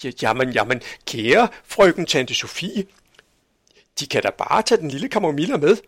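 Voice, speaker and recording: Man doing a kindly, proud old gentleman. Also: fairly high pitch, big pitch swings, dry recording, clean studio sound, voice pushed up. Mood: polite. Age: older. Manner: polite, gentle, a bit pompous. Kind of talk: storybook reading.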